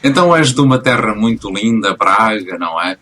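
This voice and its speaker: A man's voice: fairly low pitch, animated, fairly quick, pushed and bright, a little hiss or hum. A man hosting a casual radio interview, talking hesitantly with frequent fillers and restarts. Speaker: radio host.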